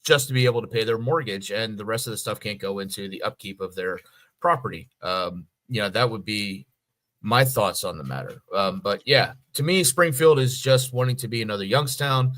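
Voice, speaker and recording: Rambling and cursing without restraint, this middle-aged American podcast co-host keeps the talk casual. He speaks at a moderate pace in a voice on the low side with a slightly bright tone.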